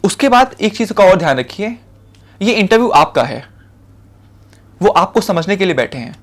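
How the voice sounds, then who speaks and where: Offering interview tips, the young civil services officer talks with an Indian accent in a high, very animated voice with a fairly bright tone. His pace is moderate, and the conversational lecture leans on fillers and repeated short points.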